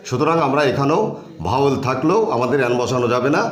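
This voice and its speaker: A man's voice: mid-range voice, fast talker. A man teaching a grammar lesson, explaining patiently step by step and repeating key phrases. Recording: echoey room.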